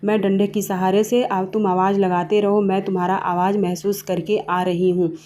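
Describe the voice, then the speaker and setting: A woman's voice: mid-range voice, little pitch movement, moderate pace, warm tone, lightly acted. A woman voicing a caring young mother who calls anxiously to her son in a moral story. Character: caring young village mother, shop seller.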